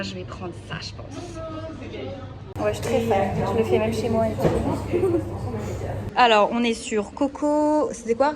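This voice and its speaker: A young woman vlogging casually to her phone camera, chatty and playful, with frequent fillers and laughs. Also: a little high. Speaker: dance vlogger. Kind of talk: casual vlog chat to camera. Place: at home, then cycling outdoors and at a café.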